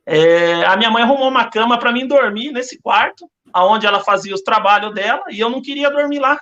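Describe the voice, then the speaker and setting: A man's voice: extremely high pitch, bright, forceful tone, dull audio. A man with a Brazilian Portuguese accent giving an earnest religious testimony as a podcast guest, telling his story with lots of repetition.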